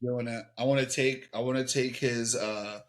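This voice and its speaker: A man of middle pitch joking around on a casual podcast. He talks loosely, laughs easily and drifts into playful bits. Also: steady tone, normal speed. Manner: jokey, laughs a lot, puts on silly high voices. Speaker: podcast co-host. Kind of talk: casual chat.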